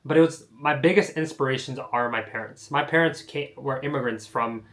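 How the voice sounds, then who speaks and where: A man's voice: mid-range voice, a little fast, fairly bright tone. A young man in his late teens telling his personal story in a casual, rambling way, full of "like" fillers and restarts. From United States. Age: young adult. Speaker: online entrepreneur.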